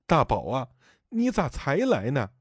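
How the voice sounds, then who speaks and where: A man voicing the grieving spirit of a dead elderly mother, speaking softly and sorrowfully. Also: mid-range voice, wildly swooping pitch, measured pace, breathy edge, dry recording, studio quality, heavily acted. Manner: soft, sorrowful pleading.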